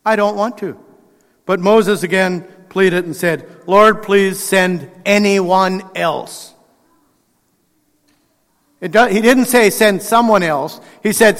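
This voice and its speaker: A man's voice: high voice, fairly bright tone, in a large hall. A male pastor delivering a conversational sermon, acting out the quotes with restarts.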